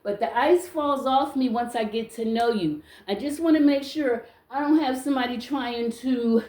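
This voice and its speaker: A woman in her late sixties speaks her mind in a loud, blunt, no-nonsense way. Her voice sits a little high for her age. It bounces around an echoey room. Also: moderate pace. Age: 60s. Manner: blunt, loud and outspoken, swears freely. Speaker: vlogger. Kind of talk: casual monologue to camera.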